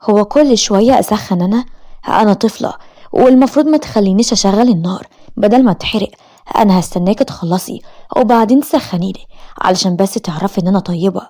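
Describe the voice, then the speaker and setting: A woman with an Egyptian accent voicing a whiny, greedy teenage sister-in-law in an animated story. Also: medium pitch, quick pace, natural voice. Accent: Egyptian Arabic.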